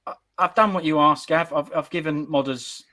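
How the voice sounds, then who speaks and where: A man's voice: fairly high pitch, fairly even intonation, moderate pace, bright, forceful tone, rough recording. A man hosting a casual sports podcast chat, rambling and restarting his sentences. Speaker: podcast host.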